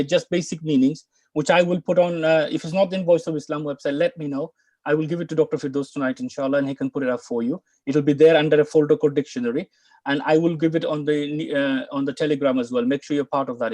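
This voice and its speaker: This is live online class talk: a middle-aged man teaching Arabic by video call from a room at home. His voice sits a little high and is a little mellow, with no room sound. He is earnest and coaxing and keeps restarting what he says.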